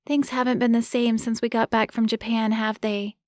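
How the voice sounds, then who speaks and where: Female narrator voicing a brisk, caring young woman, raised above her reading voice, dry booth. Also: a little high, flat delivery, no room sound, voice pushed up, close to an everyday voice. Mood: tender. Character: caring young woman, fussing, tender-hearted.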